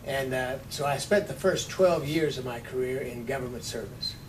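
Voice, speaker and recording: Man in his nineties, oral history interviewee, unhurried with dry wit, distant mic with low rumble. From Texas. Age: 90s. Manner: unhurried storytelling with dry humor. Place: office with large windows.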